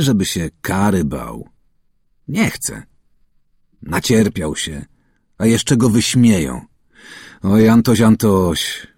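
A man reading a children's story aloud with expressive narration, acting out the characters' calls and shouts. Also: sits low, slightly rough, no echo, studio quality. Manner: acts out calls and shouts, varies voice widely. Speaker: audiobook narrator.

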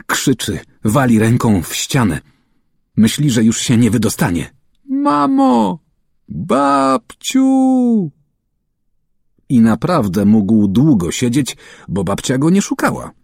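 A man reading a children's story aloud with expressive narration, acting out the characters' calls and shouts. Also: lowish voice, breathy edge, dry recording, studio quality. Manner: acts out calls and shouts, varies voice widely. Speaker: audiobook narrator.

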